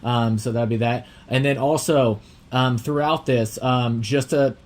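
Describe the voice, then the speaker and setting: A young man hosting a casual movie podcast, talking in a rambling, filler-heavy, excitable way, with a slight lisp from a dental aligner. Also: mid-range voice, unhurried. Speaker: podcast host.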